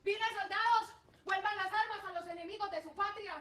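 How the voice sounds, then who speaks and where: A woman's voice: very high voice, steady tone, brisk, bright, forceful tone, recorded from a distance, a little hiss or hum. A woman playing a young patriot heroine who faces execution, speaking in a declamatory stage manner. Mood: defiant. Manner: declamatory, defiant.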